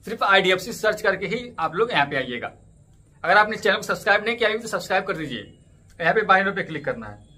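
A man's voice: high voice, big pitch swings, quick pace, sharp tone, husky. A man in his thirties talking casually to camera, walking viewers through app steps and repeatedly asking them to subscribe and join his channels. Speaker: cricket ticket update YouTuber. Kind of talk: casual tutorial vlog. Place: indoors in front of a green screen stadium backdrop.

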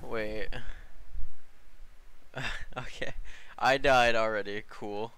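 A man's voice: lowish voice, steady tone, unhurried, bright, forceful tone, a little hiss or hum. A young man chatting casually as he plays a video game, joking at his own failures and laughing often. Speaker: gaming channel host. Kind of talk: casual gameplay commentary.

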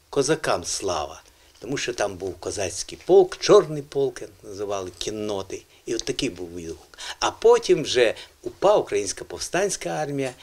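Middle-aged guy on tv quizzing kids, lively up and down voice, teacherly. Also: mid-range voice. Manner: animated, teacherly, quizzing and repeating words. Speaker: TV presenter. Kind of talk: lively language segment with children.

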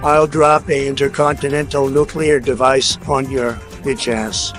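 A man's voice: medium pitch, level tone, measured pace, a bit bright, faint music behind. A synthetic male text-to-speech voice reading donation messages in a stiff, evenly paced way.

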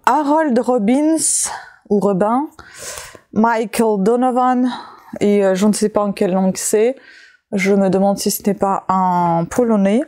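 A woman vlogger chatting casually as she shows and names the books she found, talking slowly with many fillers and pauses. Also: medium pitch, dark tone. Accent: French-speaking with a non-native accent. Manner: slow, hesitant listing with many fillers. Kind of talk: casual haul video chat.

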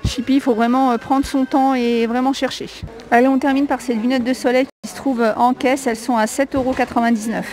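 In a low-quality recording made on a handheld camera, a woman vlogs her walk through a discount store, reading off prices with plenty of fillers. She speaks French with a non-native accent, casually and hesitantly, in a high, fairly flat, slightly mellow voice at a slightly quick pace. She's an adult with a young child.

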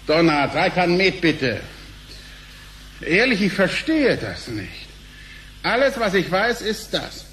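A man with a voice on the high side acts in a German radio play as a crude, brash but jovial company director. He blusters excitably in slangy, blunt exclamations, and the recording carries a little hiss or hum.

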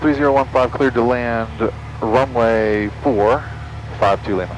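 A student pilot, a man, making brisk clipped radio calls to the tower over his headset from a small plane cockpit. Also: medium pitch, a little hiss or hum, low-quality recording. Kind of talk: radio calls to air traffic control. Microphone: cockpit headset mic.

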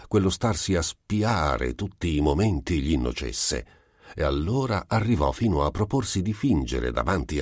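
Man reading a classic story aloud, super deep voice, dry close mic, careful phrasing. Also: a little mellow, no echo. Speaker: audiobook narrator. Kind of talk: literary audiobook reading.

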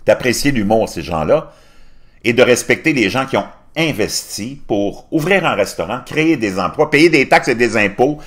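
Laughing at his own jokes, a Quebec-born commentary host in his fifties tears into a news article on his channel with scorn and mockery, in a Québécois French accent. He talks at a normal speed in a mid-range, slightly bright voice with lively intonation.

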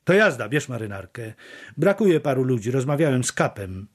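A man reading the lines of a hurried male fellow prisoner in an audiobook, brisk and matter-of-fact. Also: mid-range voice, big pitch swings, breathy edge. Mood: urgent.

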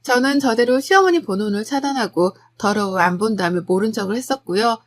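Story narrator, female, slightly high voice, gossipy and confiding, scripted read. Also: fairly quick. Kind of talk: scripted first-person narration.

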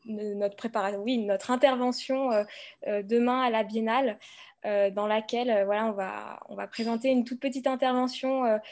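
A woman's voice: a little high, steady tone, normal speed, darkish tone. Young woman student presenting a project. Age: young adult. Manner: friendly, many fillers. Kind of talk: informal presentation.

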